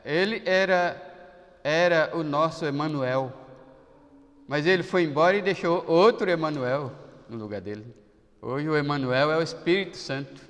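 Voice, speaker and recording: A man's voice: a little high, fairly bright tone, long reverb tail. A man with a Brazilian Portuguese accent, a pastor giving a sermon in a folksy, chatty way with asides.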